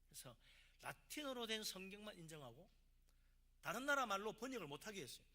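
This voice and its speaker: Man, pastor, sermon, high voice, forceful, emphatic rhetorical questions. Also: sing-song, a little fast. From South Korea. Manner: emphatic preaching with rhetorical questions, rising and falling loudness.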